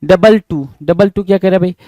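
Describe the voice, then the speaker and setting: A man's voice: high voice, a little fast, mellow, no echo. A man teaching a spelling lesson, spelling words letter by letter and asking rhetorical questions as he repeats them.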